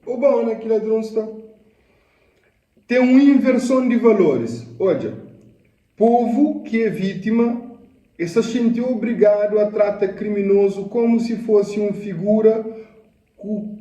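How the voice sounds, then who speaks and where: A man's voice: sits high, warm tone, distant mic. Slangy male commentator in an echoey room. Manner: loose, slangy, mixes in English phrases. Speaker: commentator reacting to a video. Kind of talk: casual commentary with opinion.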